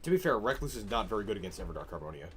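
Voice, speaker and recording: A young man ranting angrily over an online game, swearing a lot and swinging between shouts and low muttering. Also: big pitch swings, very fast, a little hiss or hum. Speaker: gaming streamer. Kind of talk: ranting gameplay commentary.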